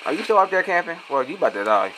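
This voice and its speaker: A man's voice: on the high side, very fast, background noise. A young man, trash-talking his teammates while commenting on his own gameplay. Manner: excitable, profane trash talk. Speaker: gamer.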